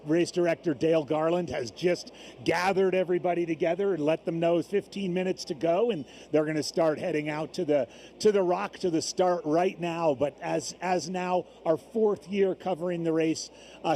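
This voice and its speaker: Guy doing casual race commentary, kinda high warm voice, little bit of noise in back. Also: steady tone, moderate pace. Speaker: race co-commentator and former competitor. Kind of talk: conversational live race commentary. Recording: faint background noise from gym. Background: gym with runners gathering.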